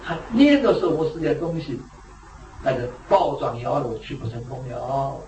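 A man's voice: medium pitch, animated, moderate pace, mellow. Man giving a Buddhist talk from far off. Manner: storytelling, asks rhetorical questions. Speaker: Buddhist teacher. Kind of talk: dharma talk. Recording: echoey room, distant mic, noisy.

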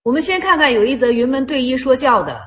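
High-voiced woman teaching Zen stories. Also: lively intonation, fast, fairly bright tone. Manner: repeats herself, asks rhetorical questions, retells stories in plain speech. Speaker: Buddhist study leader. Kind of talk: teaching Zen koans in casual group study.

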